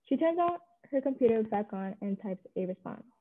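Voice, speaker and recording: A woman reads stage directions aloud in a plain, even way. Her voice is a little high. It comes through a thin, phone-like line. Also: moderate pace.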